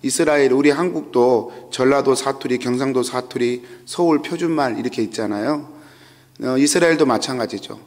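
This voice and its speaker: A man's voice: mid-range voice, normal speed, darkish tone. A man, the pastor, giving a dawn sermon, retelling the scripture scene step by step and repeating key phrases for emphasis. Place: church sanctuary. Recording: long reverb of a church hall.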